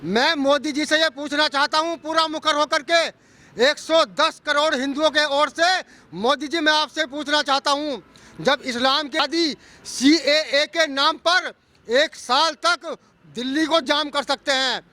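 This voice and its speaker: A man leading a protest, defiant and forceful, addressing the government. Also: very high-pitched, steady tone, measured pace, dry recording. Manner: shouting, defiant. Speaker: protest leader. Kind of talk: protest slogans and speech.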